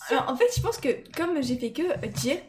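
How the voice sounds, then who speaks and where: High-voiced young woman in casual chat. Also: expressive, fairly quick, a little hiss or hum. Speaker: co-host.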